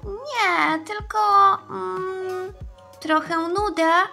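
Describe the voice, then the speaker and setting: A woman voicing a sweet, easily bored little girl in a children's doll story, with childlike, drawn-out delivery. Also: extremely high pitch, creaky, exaggerated voice. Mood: bored, apologetic. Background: background music.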